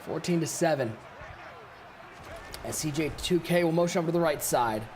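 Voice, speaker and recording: A man calling live play-by-play for an esports tournament, energetic and joking as he hypes big plays. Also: a little high, normal speed, noisy background.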